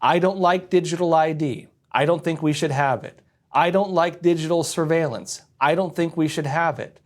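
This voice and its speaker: A man's voice: fairly high pitch, moderate pace. A man in his thirties hosting a livestream, giving candid, opinionated political commentary straight to his viewers. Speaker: livestream host. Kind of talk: casual political commentary to a live chat.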